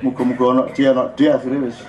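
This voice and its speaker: A man's voice: medium pitch, flat delivery, very fast, darkish tone. An older man with an East Javanese accent giving an informal, playful sermon to a gathering, teasing the crowd and acting out exclamations. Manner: playful, teasing, laughs often, acts out exclamations. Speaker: preacher leading a public religious gathering. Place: outdoor plaza gathering. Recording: dull live outdoor recording, faint background noise.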